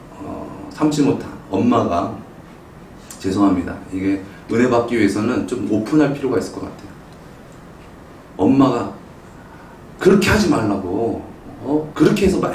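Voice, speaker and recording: A middle-aged male pastor preaching a sermon, telling a family story and acting out his own shouted lines with animated storytelling. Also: on the low side, normal speed, long pauses, slight background noise. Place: church sanctuary. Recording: roomy echo, mic some distance off.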